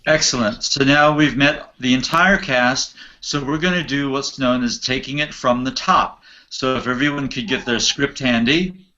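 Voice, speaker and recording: A man's voice: mid-range voice, normal speed, few pauses, sharp tone. An American man directing and hosting a play reading over a video call, chatty and encouraging. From United States. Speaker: director and host. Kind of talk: casual directing chat. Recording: dull lo-fi video call audio.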